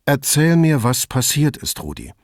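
A man voicing a calm, thoughtful police commissioner in an audiobook, speaking in a measured way. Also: medium pitch, no echo, studio quality.

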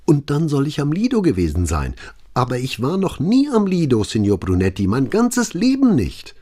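A confused old woman in a German crime audiobook, her voice climbing high and trembling with panic, as a man puts her on. She sounds breathy and rough at the edges, swinging widely up and down. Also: wildly swooping pitch, moderate pace, warm tone. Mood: confused, anxious.

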